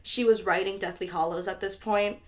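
Young adult woman, podcast co-host, casual and animated delivery, medium pitch. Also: fairly quick. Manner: animated, swears casually, laughs often.

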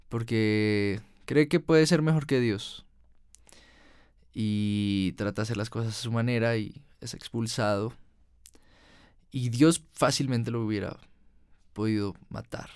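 A man's voice: on the low side, takes it slowly, pauses often, darkish tone, smooth, dry recording, clean studio sound. A young man delivering an emotional personal monologue as a podcast host, earnest, with his voice climbing when he recalls his anger.

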